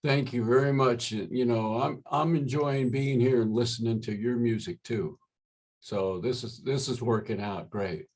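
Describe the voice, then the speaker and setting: A man's voice: medium pitch, a little slow, a little mellow. A man guest on a podcast, modest and laid back, thanking others often. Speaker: guest musician. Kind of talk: casual video-call chat.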